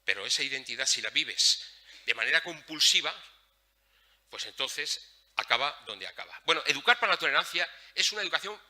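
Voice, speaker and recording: A man's voice: fairly high pitch, a little fast. A man giving a conference talk at a workshop, telling anecdotes bluntly and acting out the dialogue. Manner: blunt, animated storytelling with acted-out dialogue. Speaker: workshop speaker.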